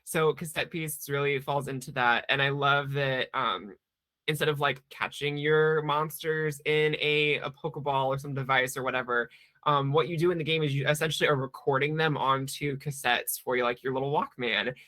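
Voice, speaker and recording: A man's voice: medium pitch, fairly even intonation, normal speed, pushed and bright. A man on a game panel, chatting enthusiastically and gushing about what he loves. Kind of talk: casual chat.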